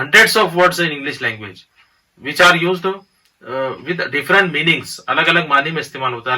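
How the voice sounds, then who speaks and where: A man teaching an English grammar lesson, explaining word pairs and slowly spelling words out letter by letter. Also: on the high side, sharp tone, recorded from a distance, poor audio. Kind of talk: grammar lesson in Hindi-Urdu.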